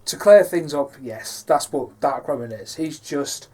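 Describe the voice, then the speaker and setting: A man's voice: fairly high pitch, expressive, a little slow, a little mellow. A man chats casually about making his films. He rambles and restarts often, filling gaps with ums and uhs. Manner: rambling, hesitant with many fillers. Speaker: filmmaker. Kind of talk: casual behind-the-scenes talk.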